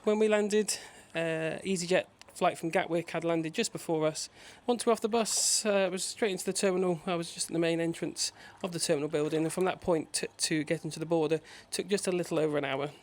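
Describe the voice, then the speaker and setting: Male travel vlogger, slightly high voice, chatty narration straight to viewers. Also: steady tone, a little fast, few pauses. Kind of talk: casual vlog narration to viewers.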